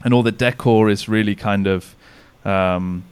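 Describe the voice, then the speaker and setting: A chatty man with a low, smooth voice talks in a steady tone and an unhurried way, with no echo. He's a sauna business owner appearing as a guest in a casual podcast interview recorded over a remote call. His talk rambles, full of restarts and fillers.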